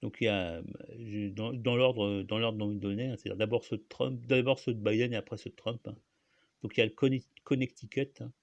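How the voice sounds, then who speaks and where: A low-pitched man talks on his own in a loose, rambling way. He stops and restarts his sentences often and fills the gaps with "hein" and "euh". The sound is dry and close, with no room around it. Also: steady tone, fairly quick, dry recording, lo-fi sound. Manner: rambling, hesitant, many restarts and fillers. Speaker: host. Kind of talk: casual solo monologue.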